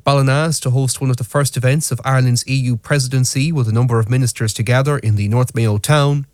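Irish man, radio news and weather presenter, medium pitch, close dry recording. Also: steady tone, fast, darkish tone, no room sound. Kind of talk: scripted bulletin reading. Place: radio studio.

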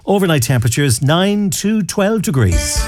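Animated Irish weatherman. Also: a little high, normal speed, no room sound, clean studio sound, soft background music. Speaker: radio weather presenter. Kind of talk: conversational weather forecast.

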